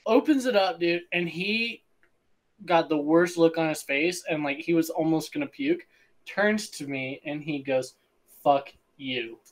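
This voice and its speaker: Young guy on a podcast, loud and swearing, lots of laughs, voice bouncing all over. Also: on the high side, lively intonation, unhurried, slight background noise. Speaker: podcast co-host. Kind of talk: casual crude banter.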